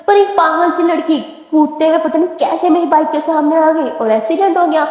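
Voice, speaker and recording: A bold, stubborn young biker woman from a spoken love story, coaxing and playful, as a woman narrator puts her on. Her voice is high yet mellow. Everything rings out in a long, echoing room. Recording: echoey room with long reverb.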